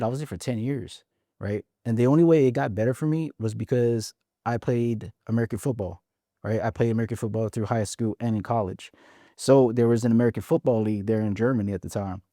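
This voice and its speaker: A man from Hawaii in his forties, guesting on a podcast, frankly tells his story in a casual interview, often restarting his words. His voice is mid-range and dark-toned, captured with studio quality and no echo.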